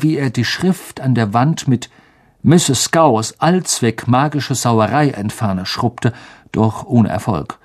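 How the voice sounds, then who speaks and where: A man narrating an audiobook with a steady storytelling delivery. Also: mid-range voice, husky. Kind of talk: scripted narration.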